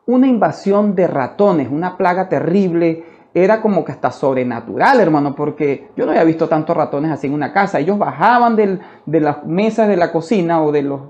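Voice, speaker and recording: A man's voice: fairly high pitch, a little mellow. A man preaching a testimony sermon in a fervent way, often addressing listeners as brother.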